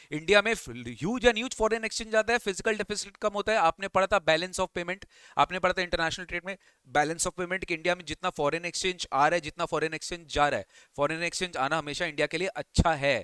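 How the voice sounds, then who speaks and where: A man with an Indian English accent teaches an exam coaching class, quizzing his students again and again as he switches between reading English text and explaining in Hindi. His voice sits a little high and sounds crisp and smooth, recorded dry and close. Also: pushed and bright, no echo. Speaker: tax lecturer.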